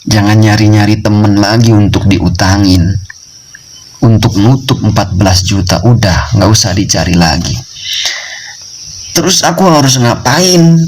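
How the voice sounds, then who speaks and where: A man's voice: on the low side, fairly even intonation, moderate pace, noisy background. A male Islamic preacher telling a story in a sermon, repeating phrases for emphasis and speaking to his listeners as friends.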